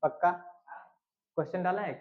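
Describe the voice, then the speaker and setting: Male teacher on a lesson video: slightly high voice, quizzes and repeats answers. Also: moderate pace. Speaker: general knowledge teacher. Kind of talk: classroom lesson with memory tricks. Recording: dull lo-fi recording.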